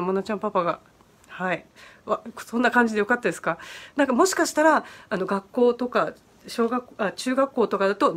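A woman hosting a casual livestream, reading viewer comments aloud and answering their questions in a friendly, chatty way. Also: mid-range voice. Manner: friendly and chatty, many fillers, answers questions on English pronunciation. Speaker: host of an online virtual bar stream.

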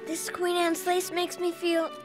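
High-voiced, dreamy earnest young girl. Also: monotone, unhurried. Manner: flowery, formal, theatrical wording. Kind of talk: animated series voice acting. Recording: music behind the voice.

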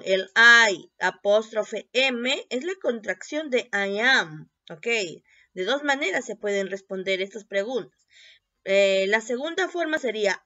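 A woman teaching a bilingual English lesson, repeating each word slowly and often checking with a quick "ok?". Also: on the high side, pushed and bright. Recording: dull lo-fi recording.

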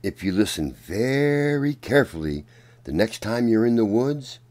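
Reading a children's picture book as a storyteller and channel host, a man uses a low, slightly mellow voice and an expressive, very slow, deliberate pace. His pitch rises and falls broadly, in the dramatic manner of someone telling stories to young kids.

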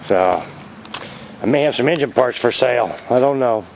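A man in his fifties giving a rambling, chatty show-and-tell vlog outdoors by his garage, filming on a handheld camera and getting excited over his finds. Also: mid-range voice, moderate pace, a little hiss or hum, poor audio. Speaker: vlogger.

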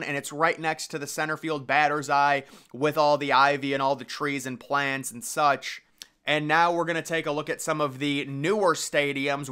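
A young man talks through ballpark designs in a casual, opinionated voice-over. His voice sits a little high and rings bright and clean. He thinks aloud, judging each design as he goes. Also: smooth. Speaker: baseball stadium commentator.

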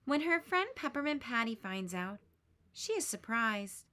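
A woman teacher reads a children's picture book aloud at a measured pace. She's expressive throughout and lifts her pitch whenever she voices the characters' quoted lines.

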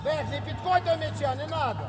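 A man coaching a youth football team from the sideline of an outdoor pitch, barking sharp instructions and scolding his players, picked up by a distant camera mic. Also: a little fast, noisy background. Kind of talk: sideline shouting.

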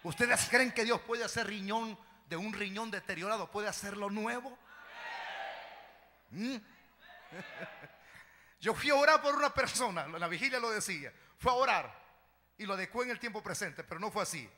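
A man with a Salvadoran accent preaching an evangelical sermon as pastor, telling stories with animation and sudden shouted bursts in a church hall. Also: high-pitched, lively intonation, moderate pace, pauses often, slight background noise. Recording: long reverb of a church hall.

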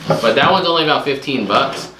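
In an echoey room with a little background noise, a male co-host talks through items from a storage unit and estimates what they'll resell for. His mid-range voice moves a little fast, and his chatty estimates include a few restarts.

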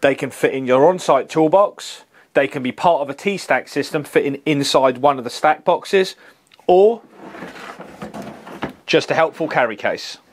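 A man's voice: on the high side, unhurried. Man giving a practical tool review. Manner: plain-spoken, practical, mildly jokey. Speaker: HVAC engineer reviewing tools. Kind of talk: product review presentation. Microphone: lapel mic.

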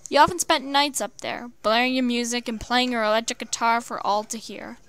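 A woman reading fan fiction aloud, halting with many stumbles and restarts. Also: fairly high pitch, fairly even intonation, a bit bright, clear, resonant tone. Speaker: storyteller.

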